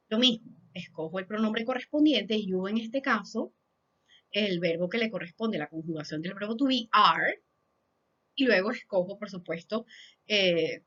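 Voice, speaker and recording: A woman's voice: medium pitch, a bit bright. Woman teaching English in Spanish, lo-fi. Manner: slow, careful repetition of example sentences. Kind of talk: lesson in Spanish.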